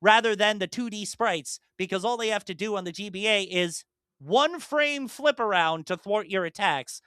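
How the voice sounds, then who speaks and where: A young man co-hosting a podcast chats casually about video games, rambling through detailed explanations full of ums and restarts. His voice is high and sharp-toned yet smooth, at normal speed, with no echo.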